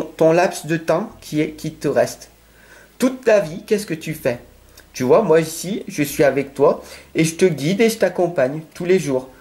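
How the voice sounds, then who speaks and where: A man with a French accent gives a tarot card reading directly to the viewer, speaking earnestly and insistently and frequently checking in with "d'accord?". His voice sits fairly high and sounds a little mellow.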